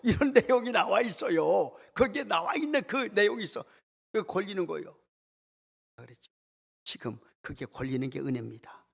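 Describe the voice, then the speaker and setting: A male pastor delivers a heartfelt sermon with a gravelly, husky voice. His pitch swings widely, climbing high on emphatic phrases and sinking low and soft. He reads and retells scripture with emotional emphasis. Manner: emotional preaching with sudden pitch leaps and dramatic drops. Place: church sanctuary.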